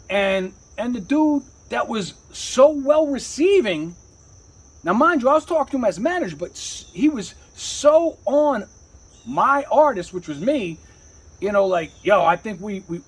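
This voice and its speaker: A husky-voiced man, sitting high in pitch, tells stories casually like a rapper in an interview. He rambles, uses plenty of slang, and keeps saying "you know," all on a rough recording.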